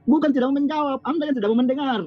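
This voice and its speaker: A man's voice: very high voice, fairly even intonation, rapid-fire, dull audio. A man in a heated online religious debate, stern and reproachful, repeating his points.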